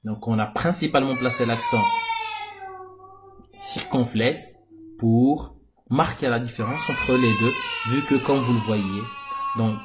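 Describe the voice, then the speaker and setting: A male teacher giving a recorded grammar lesson, speaking deliberately and repeating key words for the viewer. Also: medium pitch, heavy background noise.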